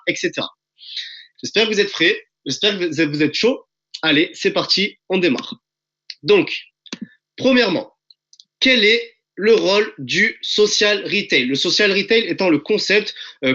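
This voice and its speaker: A man delivers a hyped sales pitch over a video call from his home, pressing his listeners and calling them friends. His voice sits high and sounds bright and forceful. The call audio is dull and lo-fi. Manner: enthusiastic and pushy, addresses audience as friends. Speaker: presenter of a recruiting webinar.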